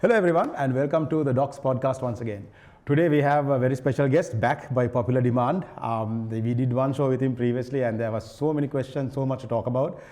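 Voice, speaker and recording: A man's voice: mid-range voice, fast talker, warm tone. A man with a Sri Lankan accent hosting a conversational podcast interview in an informal way. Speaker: podcast host. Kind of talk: conversational interview, switches between English and Sinhala.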